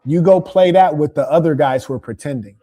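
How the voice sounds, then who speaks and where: A high-pitched man hosts a heated call-in debate. He lectures in a dismissive way and talks over the caller again and again. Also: fairly quick, warm tone. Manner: lecturing, dismissive, keeps interrupting. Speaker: debate show host.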